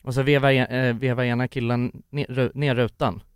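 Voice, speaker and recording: A young man telling a story in casual chat, animated, acting out the people he quotes. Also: mid-range voice, clean tone, dry recording, clean studio sound. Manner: animated, acts out quoted voices, many restarts. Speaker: podcast co-host.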